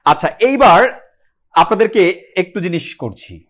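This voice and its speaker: Young guy teaching english grammar live online, high voice, keeps asking the class then answering himself. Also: expressive, measured pace. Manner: asks the class questions and answers them himself; mixes English words into his speech.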